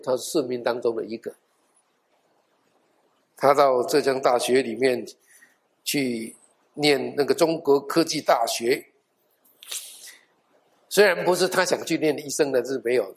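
A man preaching a sermon, telling a life story with lively acted-out quotes. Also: mid-range voice, moderate pace, pauses often. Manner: animated storyteller, acting out quoted voices.

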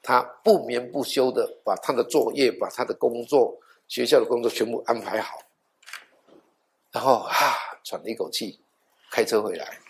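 A man's voice: medium pitch, moderate pace, gravelly. Middle-aged pastor guy preaching, tells stories, plays out both sides of the talk, jokey asides, drops english words in. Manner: animated, acts out dialogue, half-joking asides. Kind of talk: sermon with storytelling.

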